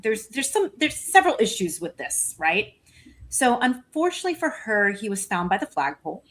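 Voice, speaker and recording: A woman co-hosting a casual panel chat, talking through a legal filing with pauses and restarts. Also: mid-range voice, big pitch swings, fairly bright tone. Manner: halting, walks through the document with fillers and restarts. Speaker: podcast co-host reading a legal filing.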